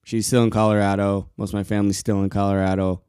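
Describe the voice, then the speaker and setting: A quiet man hosting a casual solo podcast, talking in short halting bursts and pausing often for breath. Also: on the low side, little pitch movement, smooth, dry recording, studio quality. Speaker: podcast host.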